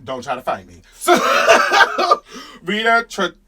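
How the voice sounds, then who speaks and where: A woman co-hosting a podcast in casual chat, animated and playful, laughing often. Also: mid-range voice, slow. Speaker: podcast co-host.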